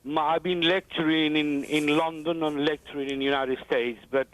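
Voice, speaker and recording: A man with a Peruvian Spanish accent, a teacher calling in, speaking formally, politely and haltingly. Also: on the high side, fairly even intonation, a bit bright, no echo. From Peru. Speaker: caller, teacher. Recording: dull phone line.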